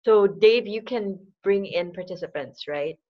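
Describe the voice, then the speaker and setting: Speaking at a measured pace in a mid-range voice, a woman in her 40s from the Philippines runs a relaxed online talk over video call, frequently breaking into laughter. She's in a dim home room, and her laptop webcam mic gives slightly muffled audio.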